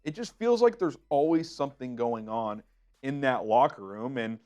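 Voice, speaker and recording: A man's voice: mid-range voice, lively intonation, normal speed, a little mellow. A man hosting a sports show, giving opinionated commentary in an emphatic, exasperated way.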